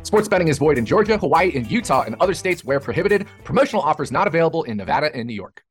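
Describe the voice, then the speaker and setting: A man reading scripted advertising fine print as a rapid legal disclaimer. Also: on the high side, sing-song, slightly rough, soft background music.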